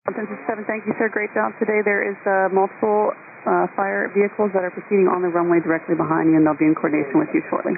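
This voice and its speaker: A woman's voice: medium pitch, flat delivery, very fast, creaky, hardly any pauses, phone-quality sound. A woman working as an air traffic controller, giving composed, courteous procedural instructions over the radio.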